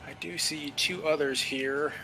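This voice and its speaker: Measured man playing a tabletop game. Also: a little high, steady tone, pushed and bright, faint music behind. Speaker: player. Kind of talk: casual tabletop play.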